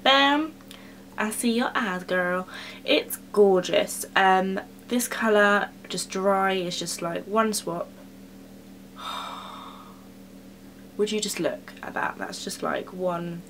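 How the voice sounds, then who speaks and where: A woman's voice: fairly low pitch, slight background noise. Bubbly gushing twenty-year-old woman. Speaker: beauty vlogger. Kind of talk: casual chatty product review. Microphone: camera mic.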